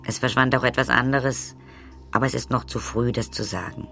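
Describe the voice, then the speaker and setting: A man narrating a children's audiobook in a lively way, speaking directly to the listeners. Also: medium pitch, brisk, vocal fry, soft background music. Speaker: storyteller.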